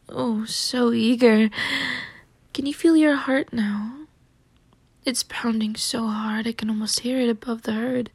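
A woman voicing a seductive, menacing succubus in a whispered role-play, teasing and dominant, with a breathy, husky whisper. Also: on the high side, a little mellow, dry recording, exaggerated voice. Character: seductive, menacing female succubus taunting her prey.

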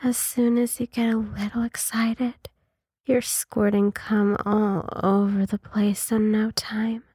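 Sultry lady doing ASMR role-play, slow n breathy, really close dry sound. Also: medium pitch, little pitch movement, mellow, no echo. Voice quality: husky, breathy. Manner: sultry, breathy, teasing delivery. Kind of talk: sultry ASMR role-play, intimate adult audio narration.

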